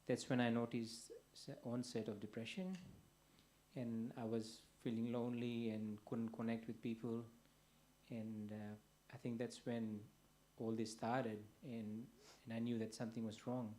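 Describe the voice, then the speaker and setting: A soft-spoken young man from Fiji tells his story hesitantly, pausing often and restarting his sentences. His voice is flat and even, with a dark, mellow tone. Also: medium pitch. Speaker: guest. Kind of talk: personal testimony.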